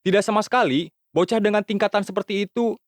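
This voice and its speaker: A man's voice: sits high, quick pace, no echo, studio quality, voice pushed up, lightly acted. A man doing a cocky young fighter. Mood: cold. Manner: dismissive, boastful.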